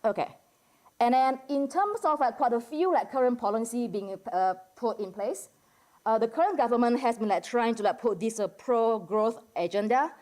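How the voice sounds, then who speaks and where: Speaking at a conference as an academic discussant, a Medan-born Indonesian woman with an Indonesian accent presents informally to general listeners, stopping and starting and leaning on fillers like "like" and "you know." Her pitch is a little high, her intonation lively, and her tone a little mellow.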